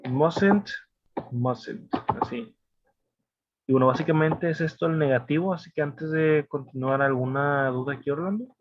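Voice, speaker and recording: A man's voice: a little high, steady tone, moderate pace, background noise. Patient male English teacher, dull sound. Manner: patient, explains step by step with frequent self-corrections. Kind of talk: online class explanation.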